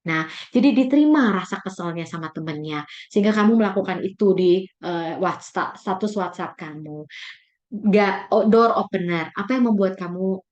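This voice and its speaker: A woman giving a lively parenting talk. She speaks often straight to the parents and mixes English words into her speech. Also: medium pitch, moderate pace, lo-fi sound.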